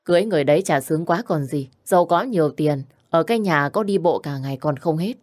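Woman reading a sneering older sister, low voice. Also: expressive, quick pace, a little mellow, no echo, studio quality. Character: scornful older sister, harsh and mocking.

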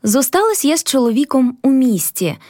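A woman reads a literary tale aloud, her voice climbing high and swooping through a wide, lively range. The recording is close and dry, with no room echo. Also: moderate pace. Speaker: audiobook narrator. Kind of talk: expressive literary narration.

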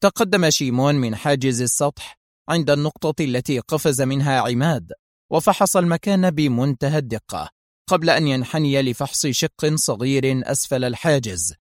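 A man narrating a thriller audiobook in a measured, solemn storytelling manner. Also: mid-range voice, lively intonation, no echo, clean studio sound.

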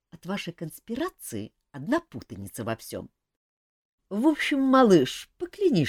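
A woman's voice: on the low side, dry recording, clean studio sound, pitched above the performer's own voice. A woman voicing an amused, teasing adult male elf in a fantasy audiobook, kindly and chiding.

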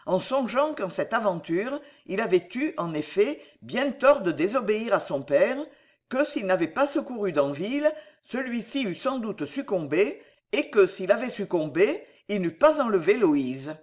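Audiobook narrator, measured storytelling, animated intonation. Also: medium pitch.

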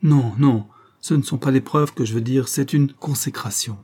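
A man's voice: mid-range voice, normal speed, mellow, slightly rough. A man voicing a jealous, tearful young man in love in an audiobook, speaking in an impassioned, imploring way.

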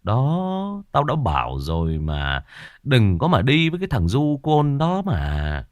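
Man voicing a gruff older brother, hot-tempered, blunt scolding. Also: medium pitch, huge pitch swings, takes it slowly, no echo, clean studio sound, pitched above the performer's own voice. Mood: angry scolding.

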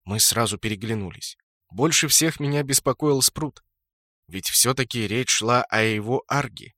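A man reading a first-person fantasy novel in a steady storytelling manner. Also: medium pitch, normal speed, dry recording, clean studio sound. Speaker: audiobook narrator. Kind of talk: first-person fiction narration.

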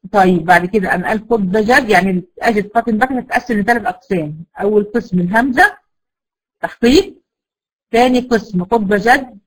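A woman's voice: a little high, rough recording. A woman with an Egyptian accent teaching Quran recitation in an explanatory lesson. She models sounds by repeating short syllables and asks her students rhetorical questions.

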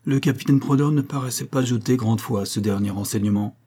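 A man reading a French novel aloud as audiobook narration, measured and even. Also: mid-range voice. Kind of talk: scripted narration.

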